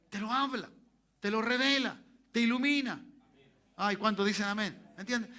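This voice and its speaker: A man's voice: very high voice, pushed and bright. A Chilean man preaching a sermon as pastor in a church, often asking the congregation for an amen. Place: church sanctuary.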